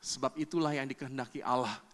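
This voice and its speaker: A middle-aged man from Indonesia preaching a sermon as a pastor, animated and acting out everyday quarrels in changing voices. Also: mid-range voice, quick pace.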